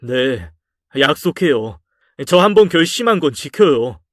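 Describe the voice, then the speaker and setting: A man's voice: a little high, big pitch swings, unhurried, a bit bright, dry recording, clean studio sound. A man reading a story aloud and voicing a sulky, hopeless young adult son who talks back in a raised voice. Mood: defiant. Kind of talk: audio drama story reading.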